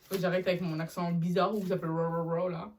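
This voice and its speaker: Young female vlogger, lively and chatty, slightly low voice, sits back from the mic. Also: fast talker, far from the mic, slight background noise. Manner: chatty and animated, with slangy asides. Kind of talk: casual haul video chat.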